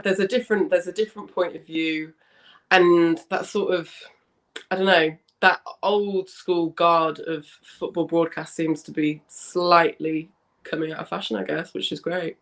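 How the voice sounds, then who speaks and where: A young woman, hoarse from a cough with a slight smoker's rasp, chatting in a rambling, self-correcting way as an interview guest. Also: fairly low pitch. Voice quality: slightly husky, smoky rasp. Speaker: interview guest, founder of a women's football fan community. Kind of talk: casual interview chat.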